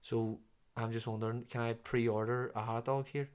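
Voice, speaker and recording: A man's voice: mid-range voice, flat delivery, moderate pace, darkish tone, clear, resonant tone. A man with a Derry accent telling a rambling anecdote in casual chat, swearing freely. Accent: Derry, Northern Irish. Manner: swears often, rambling, restarts a lot.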